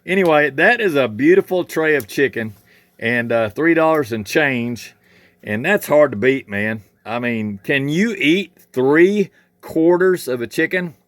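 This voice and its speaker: This home cook and channel host runs a laid-back cooking vlog from an outdoor cook shack, holding the camera himself while he talks folksily and thinks out loud. His voice is a little high and expressive, his pace measured, with no echo.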